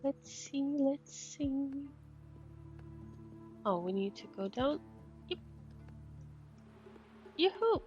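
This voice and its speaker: A woman streamer with a high, very animated voice and a darkish tone offers casual game commentary, stretching her words and pausing at length. She thinks aloud, reads on-screen text, and murmurs acknowledgements. Her muffled mic sits over faint game music.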